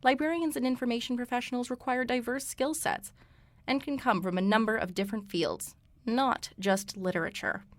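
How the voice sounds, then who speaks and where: A young woman co-hosting a student radio show, reading a scripted segment in a brisk, wry way. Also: fairly high pitch, a little hiss or hum. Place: radio studio.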